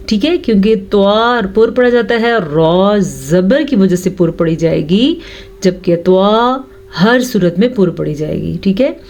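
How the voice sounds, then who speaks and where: Slow, patient woman teaching recitation. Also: medium pitch, darkish tone, a little hiss or hum. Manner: patient, repeats sounds to correct them. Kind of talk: tajweed lesson.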